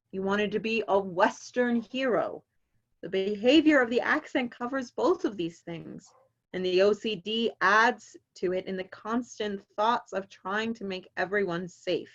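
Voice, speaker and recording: A woman reading a calm, patient male therapist. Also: mid-range voice. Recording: dull lo-fi audio.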